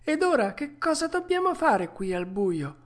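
A woman voicing a frightened, whiny wooden puppet boy, reading a storybook aloud in a shrill, tearful manner. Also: sing-song, moderate pace. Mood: anxious.

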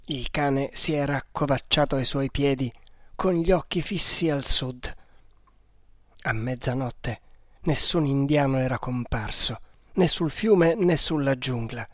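A man narrating an adventure storybook in a slow, deliberate reading. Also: medium pitch, no echo, studio quality. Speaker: audiobook narrator.

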